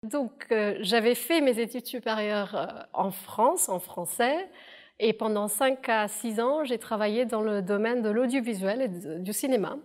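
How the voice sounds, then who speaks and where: A woman in her thirties from southern India, giving a thoughtful testimonial interview with many pauses and hesitations. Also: on the high side. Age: 30s. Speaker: interpreter and alumna.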